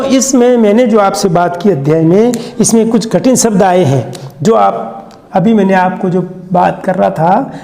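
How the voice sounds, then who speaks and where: A man teaching pupils a lesson, asking questions and sounding out words slowly syllable by syllable. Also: high-pitched, vocal fry, warm tone, echoey room, in a large hall. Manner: slow, syllable-by-syllable pronunciation drills; asks questions and repeats the answer. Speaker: school teacher.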